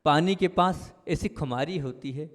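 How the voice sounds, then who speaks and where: A man's voice: a little high, moderate pace. A man preaching a sermon to a gathering. He repeats his phrases and puts questions to the audience. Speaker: Jain monk preacher. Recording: long reverb of a hall.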